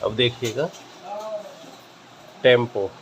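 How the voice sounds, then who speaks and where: A man walks through keyboard settings in a relaxed tutorial, talking casually and often pausing on filler sounds. His voice sits at a middle pitch for a man. It comes through a noisy home camera recording with clear background hiss. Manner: hesitant, with frequent filler sounds. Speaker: keyboard music teacher. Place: indoor room with a keyboard.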